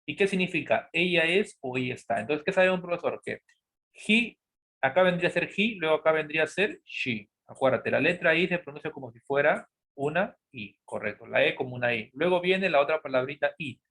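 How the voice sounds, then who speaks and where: A man teaching a grammar lesson. He poses students' questions aloud, answers them himself, and repeats key words slowly. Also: a little high, expressive, creaky, fairly bright tone, husky. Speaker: English teacher. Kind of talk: classroom-style lesson explanation.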